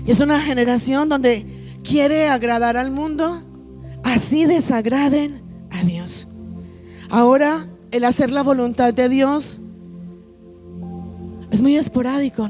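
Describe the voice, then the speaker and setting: High-voiced woman preaching emphatically. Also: measured pace, long pauses, warm tone, faint music behind. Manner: emphatic, repeats phrases, addresses listeners as children. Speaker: pastor. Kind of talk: sermon.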